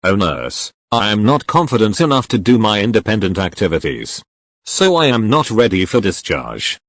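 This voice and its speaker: A man's voice: on the low side, big pitch swings, moderate pace, fairly bright tone, no room sound, clean studio sound. A man playing an anxious elderly hospital patient in a scripted role-play, speaking politely and formally. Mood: worried, polite. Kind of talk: scripted role-play dialogue for exam practice.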